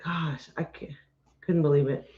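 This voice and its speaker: A homestead channel co-host chats casually on a livestream at an ordinary pitch, with a steady tone and measured pace. She's friendly and rambling, often restarting sentences, and the audio sounds roomy and a little dull.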